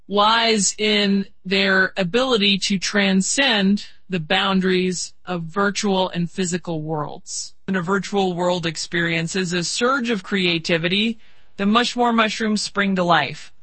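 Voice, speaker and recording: A narrator delivers a theatrical tale in nature-documentary fashion, with grandiose phrasing and hesitant pauses. The voice is husky and recorded very dry, close and without room sound. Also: medium pitch, pushed and bright, no room sound. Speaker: narrator presenting an imaginative tale.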